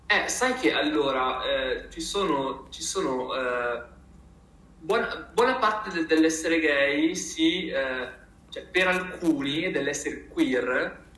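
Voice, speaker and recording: A man speaking emphatically and expressively in a casual interview, with halting phrasing and repeated words. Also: on the high side, lively intonation, pushed and bright. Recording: roomy, echoing sound.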